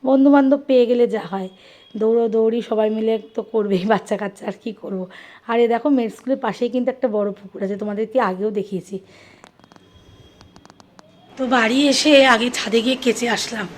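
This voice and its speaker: A hoarse woman in her thirties, a mother chatting through her daily routine in a casual vlog. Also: fairly high pitch, fairly quick, a little mellow. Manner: chatty, addresses viewers directly. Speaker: vlogger and mother.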